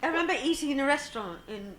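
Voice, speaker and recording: A woman's voice: sits high, expressive, racing, fairly bright tone, a little hiss or hum. Hesitant woman reminiscing in an echoey hall. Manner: hesitant, rambling recollection. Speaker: convention guest panelist. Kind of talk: casual anecdotes on stage. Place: hall at a fan convention.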